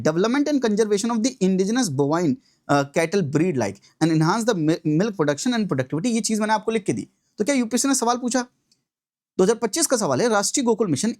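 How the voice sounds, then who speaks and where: Give me a male exam coach delivering a prep lecture, his voice rising and falling in a lively, animated way. He moves easily between Hindi and English, poses questions and answers them himself, and slows down carefully whenever he reads out quoted exam text. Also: high-pitched.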